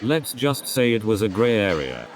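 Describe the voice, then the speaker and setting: A man doing a stand-up comedy routine, delivering deadpan one-liners one after another. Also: on the low side, normal speed, background noise. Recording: crowd laughter in background. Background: audience laughter.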